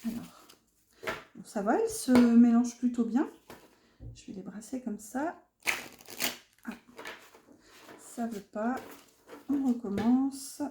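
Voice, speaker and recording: A woman with a slight lisp presents an oracle card deck, talking casually and reading card texts aloud in a gentle, unhurried way. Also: on the high side, lively intonation, background noise.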